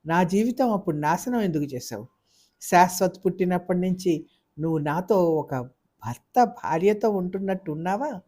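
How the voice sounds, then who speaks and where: కథకులు పలికే ఆడియో నవల కథానాయిక, భర్తను ప్రశ్నించే బాధాతప్త స్త్రీ. మాటల్లో వేదన, పట్టుదల కలిసి వినిపిస్తాయి. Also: female voice, fairly low pitch, measured pace, dark tone. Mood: pleading, hurt. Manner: pleading then fiercely defiant. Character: hurt, defiant young wife and mother. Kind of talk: audiobook character voice.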